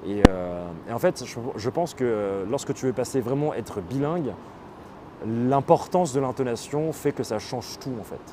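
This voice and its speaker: A man hosting a live stream, explaining things casually and pausing often on fillers as he reads and answers chat. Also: medium pitch, lively intonation, background noise. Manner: explanatory, hesitant, with many fillers. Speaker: livestream host.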